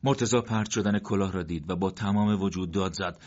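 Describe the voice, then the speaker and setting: A man narrating a war story in a steady, measured reading. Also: sits low. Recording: dull lo-fi recording.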